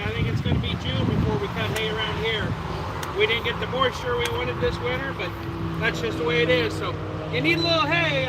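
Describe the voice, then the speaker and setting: A man with an extremely high-pitched voice makes casual announcements at an auction. His manner is folksy and plain-spoken. The outdoor recording is very noisy, with vehicle sounds behind him.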